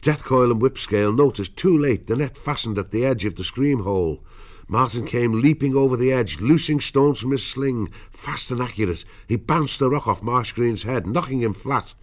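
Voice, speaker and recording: A man's voice: mid-range voice, animated, moderate pace, dull audio. A man narrating an adventure audiobook in a dramatic scripted storytelling style.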